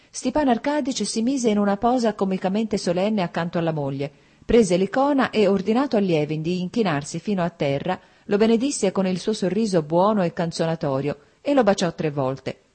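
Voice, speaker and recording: A woman narrating a classic novel as an audiobook in a measured, steady way. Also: medium pitch.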